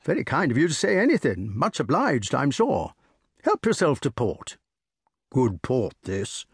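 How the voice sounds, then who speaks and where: A man's voice: mid-range voice, huge pitch swings, a little slow, husky, no echo, studio quality, full character voice. A man voicing a blustering old country knight. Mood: bluff hearty. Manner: bluff, clipped, hospitable.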